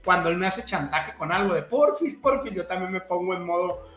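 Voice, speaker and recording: A man's voice: high-pitched, fairly quick, roomy sound. A man, co-hosting a casual podcast as a father. He tells stories with lots of cursing and mimics other people's voices. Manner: profane, animated storytelling, mimics voices.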